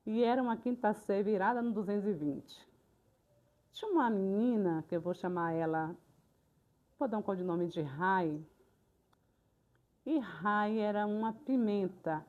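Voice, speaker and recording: An older woman, a retired teacher telling classroom stories in a lively, colloquial way for a documentary. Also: medium pitch. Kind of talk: documentary interview storytelling. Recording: slightly dull, lo-fi sound.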